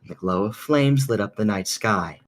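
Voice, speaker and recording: A man narrating a second-person audio fanfic in a calm, measured reading. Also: lowish voice.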